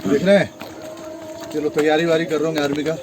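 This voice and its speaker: A man's voice: on the high side, steady tone, fast, background noise. A man from Bihar, chatting encouragingly as he hikes outdoors up a hill path, slightly out of breath. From Bihar, India. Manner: chatty, encouraging, talks while hiking uphill. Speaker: trekking vlogger. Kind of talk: casual chat while trekking. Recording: music playing underneath.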